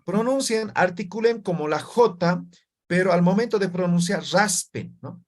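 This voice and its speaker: A man's voice: high voice, a little slow. A man teaching an online language class, drilling students through repeated syllables and often tagging his sentences with short questions. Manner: frequent tag questions.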